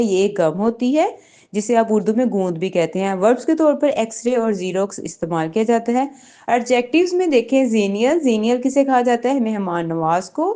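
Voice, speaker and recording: A woman's voice: fairly high pitch, mellow. A woman teaching English vocabulary in an online lesson, patiently repeating words and checking that listeners follow.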